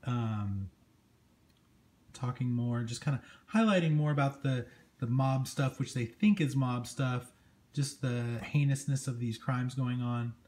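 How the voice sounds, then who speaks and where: A man with a mid-range, somewhat dark voice hosts a casual comic book review at a measured pace, chatting enthusiastically as he flips through the pages. The amateur recording is clearly noisy and picks up room ambience.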